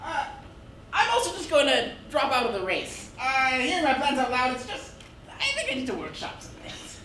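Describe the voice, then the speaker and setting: An actress playing a sheepish candidate who fired a death ray, offhand and awkward, in a staged comedy reading. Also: female voice, high-pitched, very animated, normal speed, recorded from a distance. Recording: echoey stage with loud noise.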